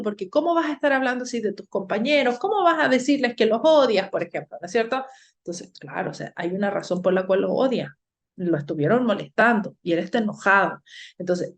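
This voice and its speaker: A middle-aged woman with a slightly high voice gives a parenting lecture. She explains at an even pace and keeps checking in with her listeners through repeated tag questions. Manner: frequent tag questions "¿no es cierto?". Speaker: educator giving a parenting talk.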